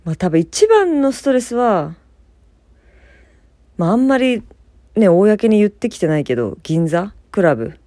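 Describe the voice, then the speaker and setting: A woman's voice: medium pitch, sing-song, unhurried, pauses often, warm tone, no echo, studio quality. A young woman from Fukuoka hosting a casual solo talk, chatty and self-deprecating, laughing often as she speaks. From Fukuoka, Japan. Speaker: podcast host.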